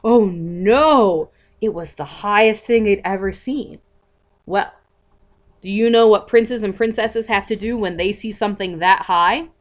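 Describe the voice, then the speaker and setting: A young woman telling a made-up story to a small child, slowly and expressively, stopping to ask questions. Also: medium pitch. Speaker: parent telling a bedtime story.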